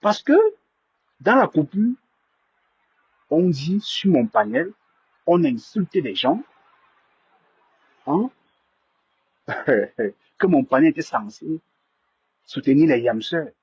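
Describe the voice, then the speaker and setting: A man hosts a live stream and speaks to his viewers in a very husky, breathy, fairly high voice. He stammers, repeats words and sounds indignant and defensive. The sound is dry and muffled, like a phone mic close up. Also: very animated, takes it slowly, long pauses, no room sound.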